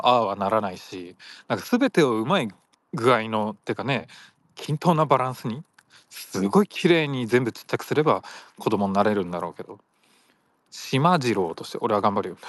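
A man's voice: on the low side, expressive, moderate pace, dry recording. A man hosting a solo audio chat, rambling casually and playfully, laughing often and slipping into silly voices.

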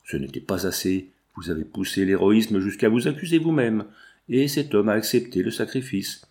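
A vengeful middle-aged magistrate, voiced by a man reading an audiobook, cold and accusing. He presses every point relentlessly in a fairly low voice. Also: moderate pace, darkish tone, lightly acted. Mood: stern.

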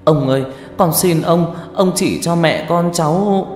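A man voicing a frightened young woman who begs her dead grandfather in a high, shaky voice. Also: unhurried, a little mellow, lightly acted. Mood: begging. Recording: reverberant room with faint music.

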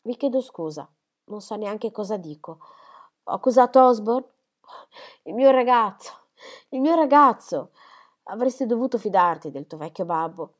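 A woman's voice: medium pitch, lively intonation, normal speed, long pauses, voice pushed up, lightly acted. Woman reading as a grieving old squire. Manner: emotional, outbursts of grief and anger. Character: grieving elderly country squire, impulsive and proud.

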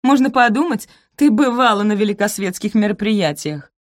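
A woman's voice: fairly high pitch, expressive, normal speed, no room sound, studio quality, voice pushed up, natural voice. A woman reading aloud and voicing a haughty, spoiled young lady who snaps and sneers. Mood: mocking. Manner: snapping, scornful.

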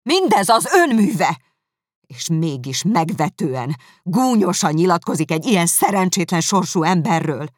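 Brief: narrator doing proud young woman, indignant and accusing, raised and lively, dry close read. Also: mid-range voice, dry recording, voice pushed up. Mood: furious. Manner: heated, accusing, emphatic. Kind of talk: audiobook character reading.

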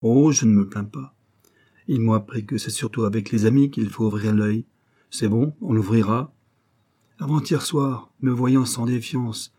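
A man's voice: on the low side, warm tone, natural voice. A man voicing a cocky young male street rascal in an audiobook, grumbling and indignant in slangy speech.

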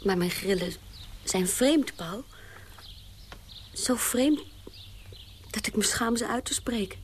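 A woman playing a restless young woman in a radio play, speaking haltingly and often in a breathy whisper. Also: fairly high pitch, animated, a little hiss or hum. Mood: hesitant.

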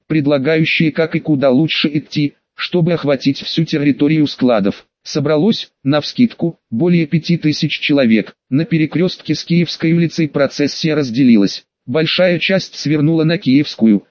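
A man narrating an audiobook in a steady, measured reading, in short phrases. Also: a little high, dry recording. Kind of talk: scripted narration. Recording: dry, slightly dull audio.

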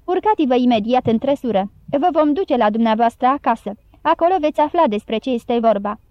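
A woman's voice: on the high side, expressive, no echo, highs cut off, close to an everyday voice. A woman reading an audiobook voices a fierce male palace guard captain who barks harsh orders. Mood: stern command.

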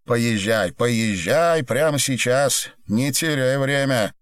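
A man's voice: mid-range voice, slow, clear, resonant tone, no echo, studio quality, pitched above the performer's own voice. A man reading an audiobook and voicing a brash, impatient, foul-mouthed male boss. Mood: jovial. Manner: loud, coarse, bossy.

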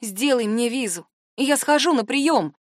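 A woman voicing a stubborn, sharp-tongued older woman who talks back defiantly in a raised voice. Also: a little high, animated, moderate pace, dry recording, studio quality.

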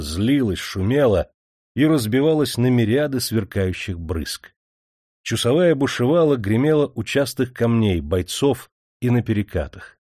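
A man narrating an audiobook in a measured, expressive storytelling manner. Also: mid-range voice, no echo, studio quality.

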